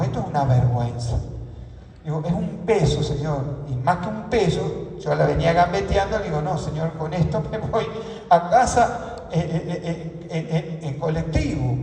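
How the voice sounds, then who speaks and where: A middle-aged Argentine man preaching a sermon, telling a personal story and building to shouted fervor. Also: high voice. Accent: Argentine Spanish. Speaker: pastor. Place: church hall. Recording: echoey hall, distant mic, music behind.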